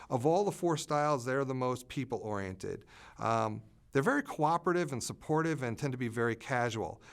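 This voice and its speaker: A man explaining communication styles as an expert in an interview, pausing often with "uh" fillers. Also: medium pitch.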